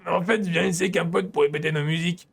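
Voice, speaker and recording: A man's voice: on the high side, steady tone, rapid-fire, gravelly, breathy edge. A man reading as a cocky teenage rebel boy. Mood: teasing. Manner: cocky, teasing.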